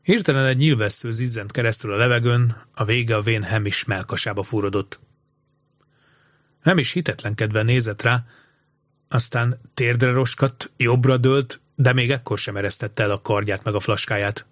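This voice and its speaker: A man narrating an audiobook story in an even, measured way. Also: medium pitch, dry recording, studio quality.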